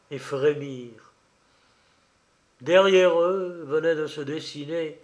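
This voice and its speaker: A man reads a novel aloud with measured, dramatic phrasing. He takes his time over every sentence, and his voice sits a touch higher than most men's. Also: darkish tone. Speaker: audiobook narrator. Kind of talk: scripted narration of a novel.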